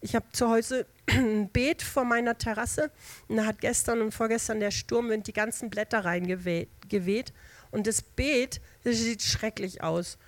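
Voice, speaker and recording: A woman's voice: fairly high pitch, fairly even intonation, a little slow, dry recording. A woman preaching an informal sermon in a conversational, homely way, drawing on everyday examples and often hesitating and restarting. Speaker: lay preacher.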